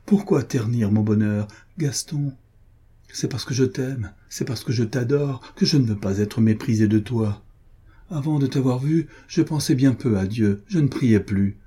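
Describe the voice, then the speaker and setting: A man's voice: mid-range voice, measured pace, warm tone, slightly rough. A man voicing a young, devout duchess in love, in a pleading, earnest tone. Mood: pleading tender.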